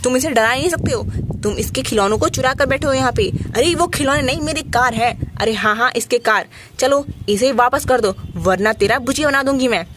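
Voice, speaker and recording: A woman's voice: high-pitched, a little fast, background noise. A woman hosting a toy video who narrates and bosses the toys around with lots of repeated words. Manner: bossy, animated, many repeated words.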